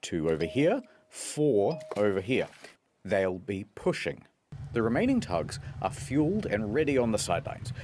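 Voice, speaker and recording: A man's voice: medium pitch, a little mellow, a little hiss or hum. A man giving scripted comedic narration for a documentary video, telling the story in a dry, mock-dramatic way.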